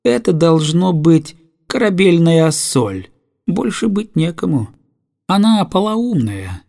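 A man's voice: on the high side, very animated, takes it slowly, gravelly, a little mellow, voice pushed up, heavily acted. A man doing a sly, fawning tavern gossip. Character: sly gossiping male tavern keeper's son.

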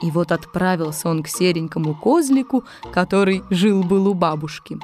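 A woman narrating a fairy tale with expressive storytelling. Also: fairly low pitch, moderate pace, over music.

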